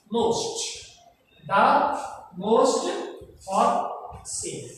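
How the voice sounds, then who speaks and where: A teacher explains grammar at an unhurried pace, repeating each rule and pausing to ask the class questions. The voice sounds distant and booms through a very echoey room with a long tail. A faint hum of noise sits underneath. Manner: explains step by step, repeats rules, quizzes students.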